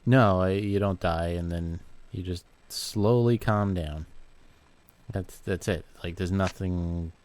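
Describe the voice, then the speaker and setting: Low-voiced man with dry replies. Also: slow pace, darkish tone. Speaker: podcast co-host. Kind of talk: casual chat.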